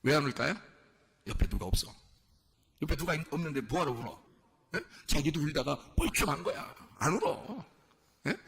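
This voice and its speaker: A male pastor preaching a sermon and leading a shouted healing prayer with fervent intensity. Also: fairly high pitch, lively intonation, brisk, gravelly, long pauses. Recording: loud music behind the voice. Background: loud church music.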